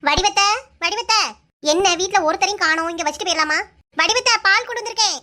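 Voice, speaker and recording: A chatty young village woman in a cartoon talks to herself in a very high, squeaky voice, as a woman puts her on. She has a Kanyakumari Tamil accent and rattles on as if nobody is listening. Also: fast talker, sharp tone.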